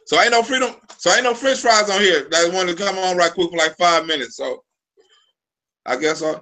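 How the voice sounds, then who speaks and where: This live show host, a man in his forties, has a high voice that's bright and forceful, at normal speed. He chats casually on stream, telling loose, profane tales riddled with restarts.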